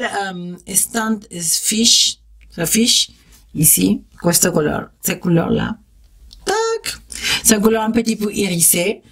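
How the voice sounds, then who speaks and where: A native Spanish speaker with a Spanish accent and a voice on the low side, this woman guides viewers through a step-by-step makeup tutorial. She's chatty and encouraging, talks right to her audience, and makes little "tac" sounds while working.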